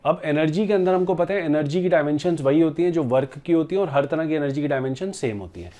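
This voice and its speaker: Man teaching physics in a dark voice. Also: fairly high pitch, fast. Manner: explains step by step, often asks students questions; calls students "beta" and "bachche" fondly. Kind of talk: classroom lecture at a board.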